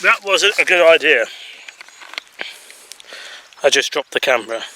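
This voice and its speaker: A man's voice: fairly high pitch, animated, a little slow, pushed and bright. A man chatting casually to his handheld camera while out walking and waiting at a rail station, rambling and correcting himself as he goes. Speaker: travel vlogger. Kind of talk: casual walking vlog commentary. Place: outdoors in countryside and on a rail platform. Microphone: handheld camera mic. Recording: faint outdoor background noise.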